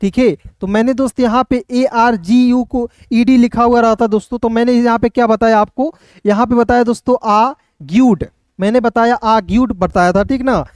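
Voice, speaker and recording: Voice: mid-range voice, steady tone, brisk, hardly any pauses, a little mellow, dry recording. Teacher spelling words aloud, dry sound. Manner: spells words letter by letter, often says "friends". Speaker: English reading teacher. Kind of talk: online lesson.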